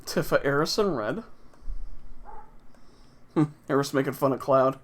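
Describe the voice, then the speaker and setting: A man's voice: mid-range voice, a little slow. A man casually commenting on his own gameplay with wry, offhand, sarcastic asides. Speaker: let's play host.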